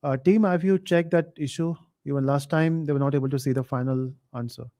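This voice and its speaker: A man hosting a live online quiz, reading chat comments aloud and thinking out loud with fillers. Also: a little high, brisk. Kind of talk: casual live stream chat.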